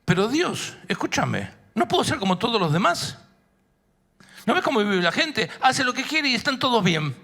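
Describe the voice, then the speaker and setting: A complaining man pleads in a run of questions, his voice pushed high and bright, as a preacher acts him out. He sounds petulant and insistent, as if he wants to be let off. It is a sermon retelling, not a drama. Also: very animated, normal speed, vocal fry, full character voice. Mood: whiny. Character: whining man begging to live like everyone.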